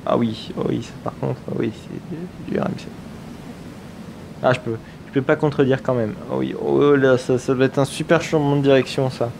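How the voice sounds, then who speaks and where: A man's voice: mid-range voice, fairly even intonation, normal speed, vocal fry, noisy background. A man giving chatty, enthusiastic let's-play commentary on a video game, thinking aloud as he goes.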